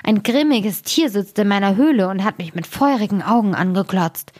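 A woman's voice: medium pitch, normal speed, a little mellow, lightly acted. A woman voicing a frightened, shaken male fox in a storybook animal tale. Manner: shaken, upset.

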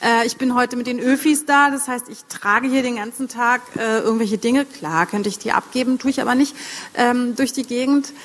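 A woman's voice: fairly high pitch, normal speed. Chatty woman in the audience. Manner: chatty, self-deprecating, many fillers. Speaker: audience member. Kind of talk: audience question at a panel.

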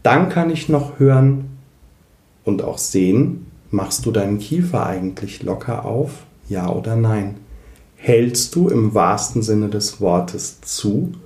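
Male voice coach, low and warm, explains and demos voice tricks, echoey room. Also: animated, slow. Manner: demonstrates voice techniques while explaining. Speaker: voice coach and speech therapist. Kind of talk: explanatory interview talk.

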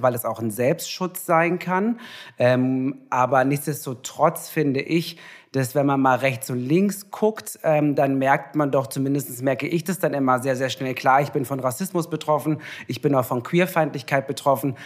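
A young man, a TV presenter, talking casually and reflectively as an interview guest, with many pauses and fillers. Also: medium pitch.

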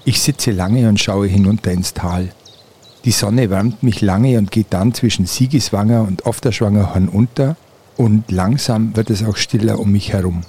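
Mellow low-voiced man, calm and measured. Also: a little hiss or hum. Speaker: narrator and relaxation guide. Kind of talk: scripted reflective narration and guided relaxation.

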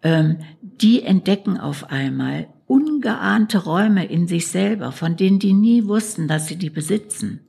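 A woman's voice: mid-range voice, animated, vocal fry, mellow, slightly rough. A middle-aged woman, a shaman and psychotherapist, telling her story in an interview in an earnest, reflective way. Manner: earnest, slow and reflective, tags lines with "ne?".

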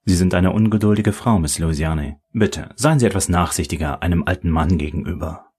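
A man voicing an unhurried, sardonic old male professor who talks dryly and mockingly, in an audiobook. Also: sits low, darkish tone, husky. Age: older. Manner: dry, mocking.

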